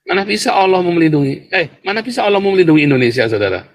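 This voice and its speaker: A man's voice: high voice, lively intonation, rapid-fire, creaky. A man hosting a livestream, talking straight to his viewers in a mocking, provocative way and laughing scornfully. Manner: mocking, provocative, keeps addressing viewers directly. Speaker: livestream host. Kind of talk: livestream commentary.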